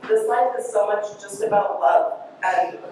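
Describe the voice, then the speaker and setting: A woman's voice: mid-range voice, fairly even intonation, measured pace, darkish tone. Woman giving a eulogy in an echoey church. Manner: tearful laughs, playful impressions of family. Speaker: family member giving a eulogy. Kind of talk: memorial speech. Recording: echoey room from far off with noise.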